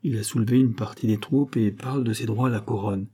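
A man's voice: lowish voice, fairly even intonation, fairly quick, dark tone, slightly rough. A man doing a fearful, pleading servant. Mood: urgent. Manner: anxious, pleading.

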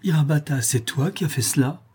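Storybook princess, young, affectionate, exclaiming, man reading her with a raised, mellow voice. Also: on the high side, brisk, breathy edge, voice pushed up. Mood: excited. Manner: eager, exclaiming.

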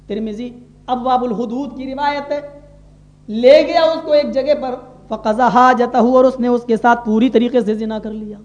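A male preacher delivering an impassioned sermon, switching between quiet asides and loud, drawn-out recitations. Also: extremely high pitch, steady tone, dull audio, soft background music. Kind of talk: Urdu sermon. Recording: echoey room.

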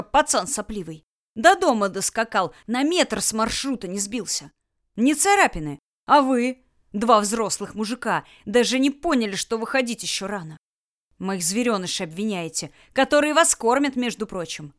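A woman's voice: a little high, animated, normal speed, a bit bright. A woman reading an audiobook, voicing a hot-tempered tough man who barks out blunt, coarse words. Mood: furious. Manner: barking, blunt. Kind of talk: audiobook character voice.

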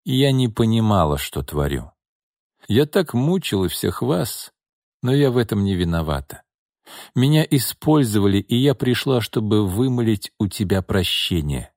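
A man's voice: on the low side, sing-song, moderate pace, a little mellow, no room sound. Cold, mocking woman seeking revenge, male reader voicing her, audiobook, dry sound. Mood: pleading. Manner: pleading, then icy and mocking. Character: cold vengeful woman back from the dead.

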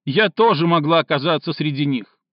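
A man voicing a young woman who is hysterical and tearful, shouting accusations in a shrill, sobbing voice, in an audiobook reading. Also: a little fast, no room sound, muffled recording, close to an everyday voice.

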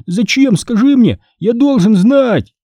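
A man voicing a terrified twelve-year-old boy with shrill, pleading cries, recorded dry and close. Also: animated, slow, warm tone, slightly rough, dry recording, exaggerated voice. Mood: panicked.

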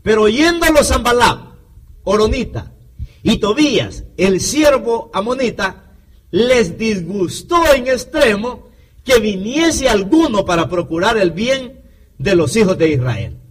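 A man's voice: high voice, very animated, slow, breathy edge, low-quality recording. A man preaching a sermon, reading scripture aloud and addressing the congregation as brothers.

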